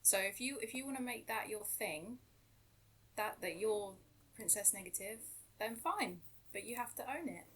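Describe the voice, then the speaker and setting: A woman's voice: mid-range voice, expressive, moderate pace, a bit bright, slightly rough. A woman with a Kent accent co-hosting a podcast, talking bluntly and swearing freely in casual chat. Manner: blunt, sweary, self-assured. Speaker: podcast co-host.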